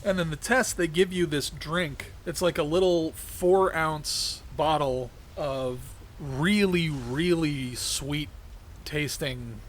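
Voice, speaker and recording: Congested middle-aged guy rambling on his own show, voice cracks a bit, kinda high for a man. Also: takes it slowly, slight background noise. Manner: heated and ranting, then rambling and conversational. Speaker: podcast host. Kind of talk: casual political monologue.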